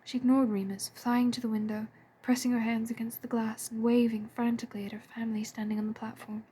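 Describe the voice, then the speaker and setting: A woman reading a story aloud in a soft, breathy and hushed way. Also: on the high side, little pitch movement, fast talker. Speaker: fan audiobook reader. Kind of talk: storybook narration.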